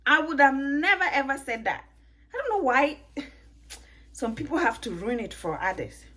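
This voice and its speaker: A vlogger in her thirties talks to the camera at home while working through tangles in her hair, joking, laughing often and asking viewers questions. Her accent draws on Ghanaian, Italian, British and American English, and her high, sing-song voice sounds pushed and bright at a moderate pace.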